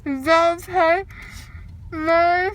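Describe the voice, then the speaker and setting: A very high-voiced young woman talks extremely slowly, slurring and mumbling through a sore, numb jaw. She is groggy after dental surgery, rambling and whiny, recorded on a phone in a car. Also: fairly even intonation, a bit bright, slight background noise. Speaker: passenger filmed after wisdom teeth removal. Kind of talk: casual chat. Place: inside a car. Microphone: handheld phone.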